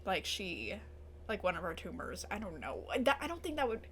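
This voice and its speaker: A woman's voice: mid-range voice, very animated, normal speed, fairly bright tone, a little hiss or hum. A young woman hosting a TV reaction video, emotional and tearful, gasping, swearing and laughing through her upset. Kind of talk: episode reaction commentary.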